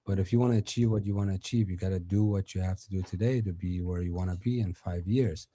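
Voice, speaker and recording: A man's voice: deep voice, fairly even intonation, fast, dark tone. A middle-aged man from Iran, a dentist, answering podcast questions with many fillers and restarts. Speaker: dentist and conference founder.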